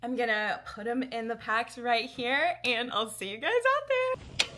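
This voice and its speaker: A woman's voice: fairly high pitch, animated, unhurried, sharp tone, slight background noise. A woman chatting casually to camera as a vlogger, in an informal, everyday way. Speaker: running vlogger.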